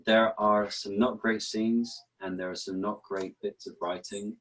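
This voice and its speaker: A man's voice: fairly low pitch, steady tone, unhurried, fairly bright tone, a little hiss or hum, poor audio. A man answering as an interview guest, explaining verse rhythm, often restarting and repeating words as he thinks. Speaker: interview guest, actor and author.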